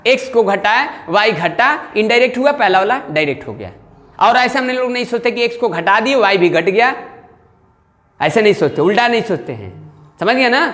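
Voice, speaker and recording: A man's voice: extremely high pitch, a bit bright. A man teaching a maths class, asking his students questions and checking again and again whether they follow. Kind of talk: classroom lecture. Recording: long reverb in a classroom.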